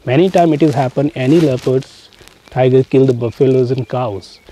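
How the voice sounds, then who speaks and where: A man's voice: mid-range voice, normal speed, mellow, poor audio. A man with a North Indian accent and Hindi as his native language, a safari guide explaining informally to tourists in irregular non-native English. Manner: non-native English with irregular grammar and repeated tag "you know". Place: outdoors in an open safari vehicle. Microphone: camera a short distance away. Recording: faint outdoor noise and clicks.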